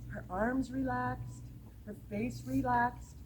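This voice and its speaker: A woman telling a story to a camp audience in an animated, laughing, playful way. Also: fairly high pitch, slow pace, background noise. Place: camp chapel gathering with audience.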